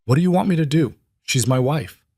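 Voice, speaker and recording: A man's voice: a little high, animated, a little fast, warm tone, slightly rough, dry recording, clean studio sound, pitched above the performer's own voice. A man voicing a worried, defensive grandson who pleads. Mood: distressed.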